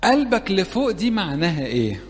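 A man's voice: high-pitched, big pitch swings, a little fast. A man with an Egyptian Arabic accent preaching an interactive sermon to young people, chatty and playful, often putting questions to his audience. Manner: conversational, playful, keeps asking the audience questions. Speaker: church preacher teaching youth. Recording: long reverb of a large hall.

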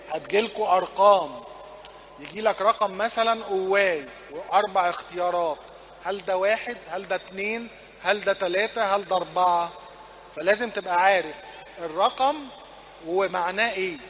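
A man's voice: high voice, a bit bright, big-room sound. A man with an Egyptian accent teaching a Coptic class, drilling numbers and having students repeat after him. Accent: Egyptian Arabic. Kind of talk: classroom lesson. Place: church classroom.

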